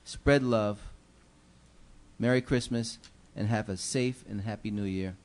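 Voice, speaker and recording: In an unhurried, lowish voice, a middle-aged city commissioner shares earnest, preacherly holiday remarks thick with fillers. He sits at the dais in a council chamber, speaking into a gooseneck desk microphone.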